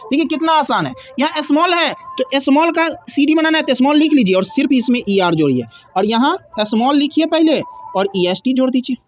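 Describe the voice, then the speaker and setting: A woman teaching a grammar lesson, who asks questions and answers them herself and repeats key words slowly. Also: high-pitched, animated.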